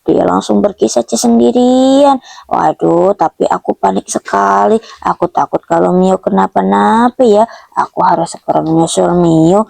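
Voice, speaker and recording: Woman playing a fretful young boy, lowered voice, slightly gravelly, game drama. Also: normal speed, warm tone, no room sound. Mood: worried. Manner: anxious, fussing, urgent. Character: worried young boy named Kayuta. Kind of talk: game roleplay voice acting.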